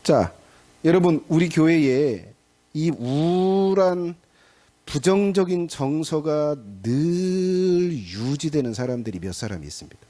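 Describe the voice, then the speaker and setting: A man's voice: on the high side, animated, slow, warm tone. A middle-aged man preaching a Sunday evening sermon as pastor, talking in a conversational way and acting out little everyday scenes. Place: church sanctuary.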